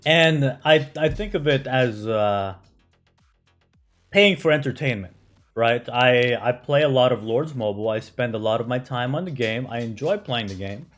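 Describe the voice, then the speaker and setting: A man streaming a game, talking loosely to his chat at a middling pitch. He leans on fillers and tags his points with "right?". Soft music plays underneath. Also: animated, moderate pace. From United States. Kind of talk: casual live-stream commentary answering chat.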